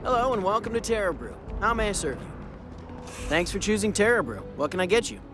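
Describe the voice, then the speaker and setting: A man voicing an overly smooth, polite male robot barista in a video game, speaking in courteous, scripted customer-service patter. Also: sits high, big pitch swings, fast, a bit bright, faint music behind. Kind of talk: video game character dialogue.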